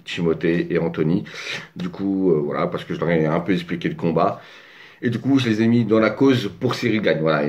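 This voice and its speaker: Low-voiced French man rambling about a fight. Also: a little mellow. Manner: rambling, many fillers and restarts. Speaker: MMA fight commentator. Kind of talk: casual solo fight breakdown. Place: home desk.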